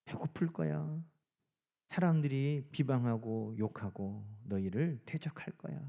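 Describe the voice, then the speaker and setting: A pastor voicing a quiet, gentle teacher. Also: male voice, mid-range voice, unhurried, vocal fry, voice pushed down. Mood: gently warning. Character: calm, gentle male teacher speaking to disciples.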